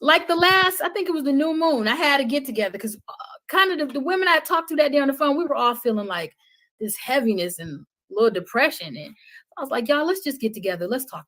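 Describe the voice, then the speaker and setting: Her voice is high-pitched and fairly bright: a woman guesting on a podcast gives an impassioned conversational testimony on love and healing. She preaches emphatically, repeating phrases sermon-style to give them weight.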